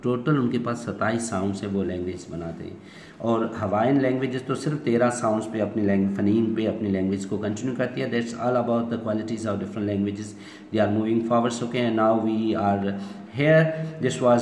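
This man teaches an online English class, explaining patiently and mixing in English phrases and filler words. His pitch is fairly low and his tone darkish, recorded in an echoey room with faint noise.

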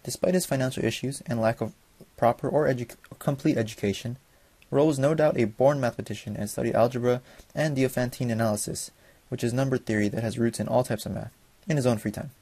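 A young man, a student, reading a school presentation from notes, fast and with small slips and restarts. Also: medium pitch, vocal fry, warm tone, husky, no echo.

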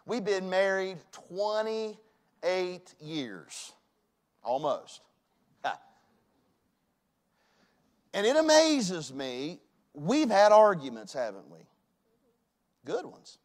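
A man, preaching a sermon in a church. He swings from loud emphasis to hushed tones. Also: high voice, sing-song, drawn-out words, long pauses. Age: 40s. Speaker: pastor. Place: church sanctuary.

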